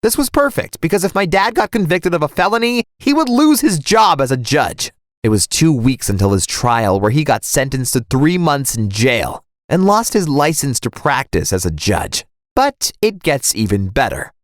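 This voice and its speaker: Young male narrator, dramatic and expressive, dry booth sound. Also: a little high, normal speed, no room sound. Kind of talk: scripted first-person story narration.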